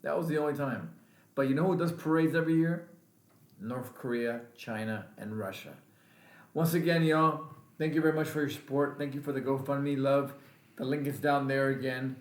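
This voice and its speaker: A man's voice: mid-range voice, moderate pace. A male veteran vlogger giving an angry, emphatic political rant and repeating his points. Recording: roomy echo.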